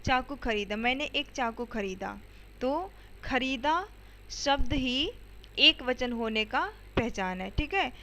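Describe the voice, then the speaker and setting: Slow-speaking woman teacher. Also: sits high, lively intonation, sharp tone, a little hiss or hum, rough recording. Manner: explains step by step with frequent "okay" and "theek hai" checks; addresses students directly with questions. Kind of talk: grammar lesson for schoolchildren.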